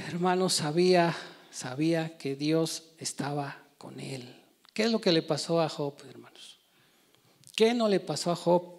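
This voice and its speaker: Male preacher, emphatic sermon delivery, voice on the higher side. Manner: emphatic with frequent rhetorical "¿sí?" and "hermanos". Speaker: church preacher.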